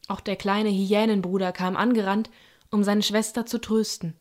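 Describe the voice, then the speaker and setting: A woman narrating a children's bedtime story in a calm, soothing way. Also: mid-range voice, normal speed. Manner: calm and soothing, voices characters lightly.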